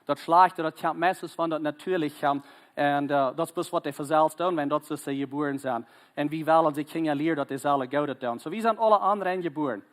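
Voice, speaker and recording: Halting preacher with Plautdietsch accent. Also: male voice, a little high. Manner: halting, frequent hesitations and restarts; earnest, urging. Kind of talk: sermon.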